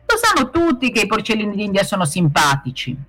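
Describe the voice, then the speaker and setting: A woman's voice: medium pitch, sing-song, a little fast, pushed and bright, faint music behind, pitched above the performer's own voice. A woman voicing a cheerful guinea pig mother who teases her husband and scolds her pups. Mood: teasing. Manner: teasing, lightly scolding.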